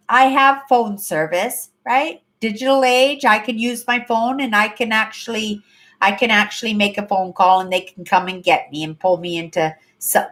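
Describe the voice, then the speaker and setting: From her apartment, a woman in her fifties from Canada chats casually with livestream viewers in a mid-range, fairly bright voice. As host she rambles and repeats herself, often closing sentences with "right?"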